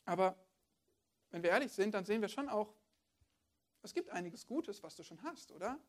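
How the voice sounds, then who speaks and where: A woman delivers a sermon in an easy, conversational tone, speaking straight to her listeners. She keeps posing questions back to them. Her voice sits at an ordinary middle pitch. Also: expressive, moderate pace, a little mellow. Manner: conversational, addresses listeners directly with rhetorical questions. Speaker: preacher.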